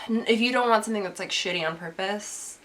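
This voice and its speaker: Using her camera's built-in mic, a young woman whose voice is still stuffy from being ill answers photography questions from viewers in an easygoing vlog. Her mid-range, slightly bright voice moves at normal speed as she rambles, full of "like" and restarts.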